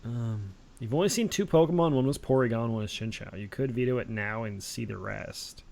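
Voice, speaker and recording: A man's voice: medium pitch, fairly quick, creaky, darkish tone. A man co-hosting a podcast, chatting in a laid-back way while his friend plays a video game, swearing freely. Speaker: podcast co-host. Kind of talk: casual gaming chat.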